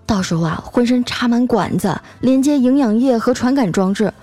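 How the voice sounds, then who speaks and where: Woman playing a preachy young man, high-pitched. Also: expressive, moderate pace, warm tone, no room sound. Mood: lecturing. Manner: preachy, dramatic. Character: earnest young man lecturing on AI doom.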